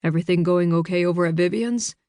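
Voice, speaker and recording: A woman voicing a weary father speaking gently from jail in an audiobook. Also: on the low side, quick pace, no echo, clean studio sound, close to an everyday voice. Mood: gentle, resigned. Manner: gentle, turns stern.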